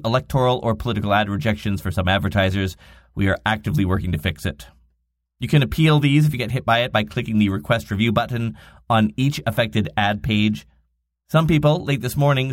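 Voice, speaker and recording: A man's voice: medium pitch, dry recording. A man hosting a daily digital marketing news podcast, reading the stories with wry, dry asides. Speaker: podcast host.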